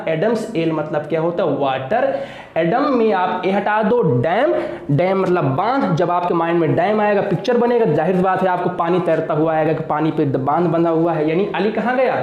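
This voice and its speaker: A man's voice: high voice, muffled recording. A man teaching an exam-prep class. He addresses his students as children, asks his own questions and answers them, and repeats key words. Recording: echoey room.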